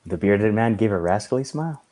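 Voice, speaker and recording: A man reading a story aloud in a measured storytelling manner. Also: fairly low pitch, lively intonation, warm tone. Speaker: reader.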